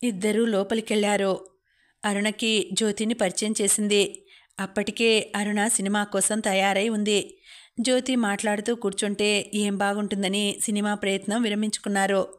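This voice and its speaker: A woman reads a story aloud as an audiobook narrator. Her pitch sits in the middle and barely moves, so the narration sounds flat and even. She reads at a steady pace throughout. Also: normal speed.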